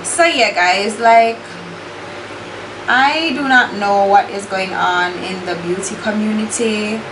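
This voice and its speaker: A young Jamaican beauty YouTuber with a Jamaican accent chats bluntly while doing her makeup, swearing freely and slipping into patois. She speaks slowly in a medium-pitched voice. The room is echoey, with a steady background hiss.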